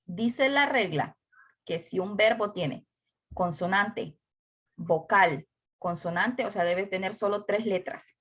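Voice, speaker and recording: A patient woman teacher walks a class through a grammar rule. She talks slowly, repeats each word and spells out letters one at a time, at an everyday pitch. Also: fairly bright tone. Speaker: English teacher.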